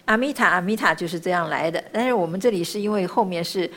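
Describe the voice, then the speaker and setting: A woman teaching the pronunciation of Buddhist chants, patiently chanting each syllable slowly between short explanations. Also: on the low side, fairly bright tone.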